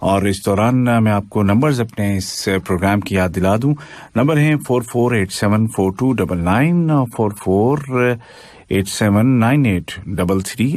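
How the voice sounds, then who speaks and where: A man teaching Quran recitation on a call-in program, reciting slowly and stopping to correct pronunciation. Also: on the low side, a little mellow, dry recording. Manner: slow drawn-out recitation, stops to correct pronunciation. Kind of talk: live broadcast Quran lesson.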